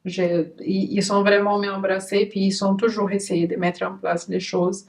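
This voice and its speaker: Earnest, halting woman, slightly off-mic. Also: medium pitch, level tone. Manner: earnest, halting with frequent restarts. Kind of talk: conversational interview. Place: lives in Switzerland. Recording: voice somewhat distant from the mic.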